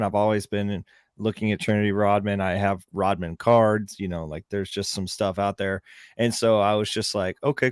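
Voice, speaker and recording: A man with a lowish voice talks through his reasoning on a podcast panel. He is casual, colloquial and rambling, and the sound is dry and close. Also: clear, resonant tone, no echo. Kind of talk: casual explanation.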